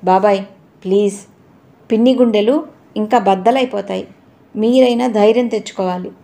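A woman voicing a caring young woman in an audio novel, gently coaxing and soothing. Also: mid-range voice, moderate pace, gravelly, lightly acted. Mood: consoling.

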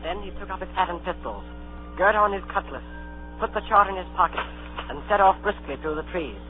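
A man's voice: high voice, lively intonation, brisk. A male actor playing an earnest boy adventurer who narrates his own tale in an old radio drama. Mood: grave, steady. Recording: tinny old radio recording, music behind.

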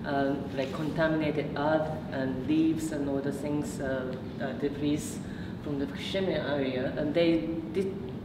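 A low-voiced PhD researcher from Japan gives a public lecture with slides in a meeting room. She's hesitant, pausing on fillers and restarting sentences, and the distant recording carries roomy echo and steady background noise.

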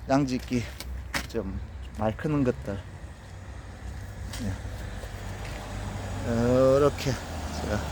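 A man with a Gyeongsang Korean accent, giving an unhurried, casual walkthrough of his plants outdoors and in a greenhouse. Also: medium pitch, dark tone, a little hiss or hum. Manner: plain, unhurried, pointing things out.

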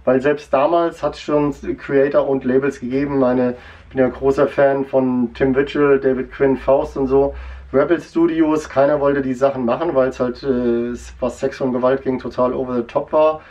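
A man's voice: mid-range voice, steady tone, normal speed, a little mellow, recorded from a distance, muffled recording. A man in his forties chatting casually in a comic shop, rambling with many fillers and restarts. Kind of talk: casual chat.

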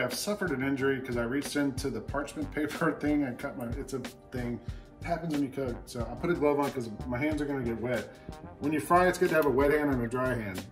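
A man in his thirties hosting a home cooking show, explaining each step in a relaxed way as he cooks in his kitchen. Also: medium pitch, low-quality recording. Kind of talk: casual cooking demonstration. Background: background music.

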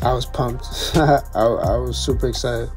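A young man, a chef and vlogger, casually talking through a restaurant tasting menu with excited repetition and restarts. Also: mid-range voice, a little slow, soft background music. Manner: enthusiastic, repeats words, restarts.

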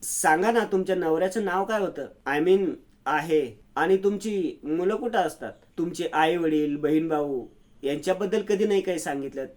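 An anxious young woman who will not stop asking, her questions urgent and pleading, as a man acts her out. The voice sits slightly high. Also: normal speed, natural voice. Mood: probing.

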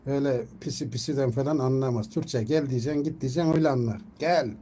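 A man chats casually on a live stream from home, his voice mellow and dark. He keeps calling and coaxing his cat, and faint noise hums behind him. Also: mid-range voice, fast talker.

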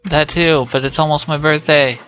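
A man's voice: fairly high pitch, fairly even intonation, normal speed. A man hosting a gaming series, chatting casually and goofily while building. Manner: goofy, bursts into silly noises. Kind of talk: casual gameplay chat. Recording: dull lo-fi audio with faint hiss.

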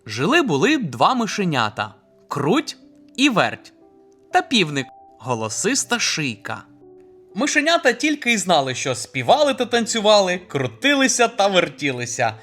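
A man narrating a fairy tale for children in a lively, sing-song way. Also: sits high, moderate pace, soft background music. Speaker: storyteller, dad.

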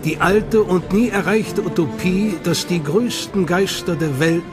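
A male documentary narrator reads his script with measured, dramatic storytelling. His voice is on the high side for a man, and a music bed plays clearly behind him.

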